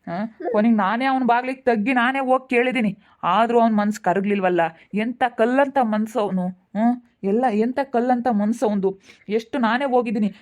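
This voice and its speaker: A woman's voice: a little high, a little mellow, lightly acted. A woman, acting a grieving middle-aged farm woman who keeps lamenting her lost land in a village family drama. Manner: lamenting, repetitive pleading speech.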